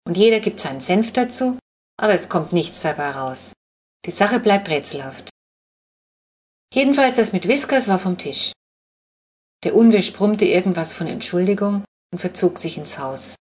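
A woman narrating a children's audiobook with lively, expressive reading. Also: mid-range voice, normal speed. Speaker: audiobook reader. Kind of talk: scripted children's book narration.

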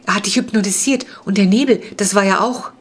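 A woman's voice: mid-range voice, a little fast, slightly rough, lightly acted. A woman reading a storybook, voicing a frightened young girl who talks breathlessly and urgently. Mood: alarmed. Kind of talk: audiobook reading.

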